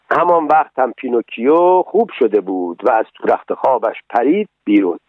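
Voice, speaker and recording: A man narrating a storybook reading in a steady, measured way. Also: fairly high pitch, no echo. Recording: tinny lo-fi radio broadcast, dry.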